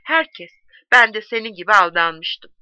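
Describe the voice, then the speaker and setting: A woman's voice: mid-range voice, lively intonation, measured pace, bright, forceful tone, dry recording, dull audio. A woman voicing a pleading young soldier. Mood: relieved. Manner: pleading, anxious.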